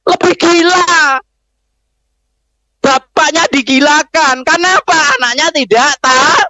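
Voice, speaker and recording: Guy preaching, really high forceful voice, asks the crowd stuff, dry sound. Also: slow, no room sound, rough recording. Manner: keeps asking the audience rhetorical questions. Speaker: preacher addressing Islamic boarding school students. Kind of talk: sermon.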